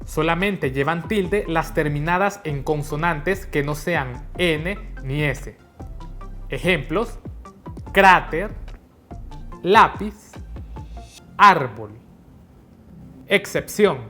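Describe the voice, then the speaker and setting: Woman reading a grammar lesson real slow, lowish voice, soft music behind. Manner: slow, carefully spelled-out teaching. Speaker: teacher. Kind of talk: slow scripted lesson narration.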